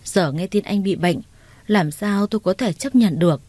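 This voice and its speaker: Mellow-voiced woman narrating a story. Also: mid-range voice, moderate pace, no echo. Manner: expressive, acts out quoted lines. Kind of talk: first-person romance story narration.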